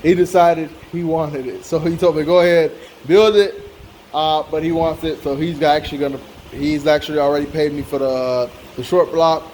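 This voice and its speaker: An American man talks casually to his viewers as host of a car-build vlog. His voice sits slightly high for a man. There is some fan noise behind him, as in a working garage. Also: fairly even intonation, normal speed, a little mellow, rough recording. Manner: informal, repeats "you know what I'm saying". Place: hot car workshop with fan running.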